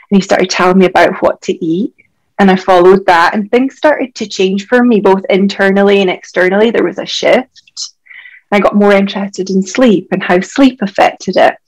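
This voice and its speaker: The recording is low quality, carrying a medium-pitched female voice. She is Scottish, in her thirties, a physician who also works as a health coach, talking openly and casually as a guest on a podcast with frequent "like" fillers.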